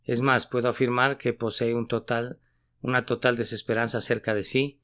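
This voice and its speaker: A man reads a sermon aloud with an earnest, measured delivery. His voice is smooth and resonant, sitting at an ordinary middle pitch for a man. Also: level tone, a bit bright. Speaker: sermon reader.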